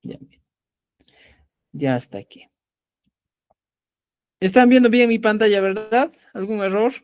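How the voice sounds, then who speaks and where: A man's voice: high-pitched, slow pace, clean tone. A man teaching a live online Quechua class, quizzing his students and saying "ya" again and again. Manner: lively, repeats "ya" and quizzes students.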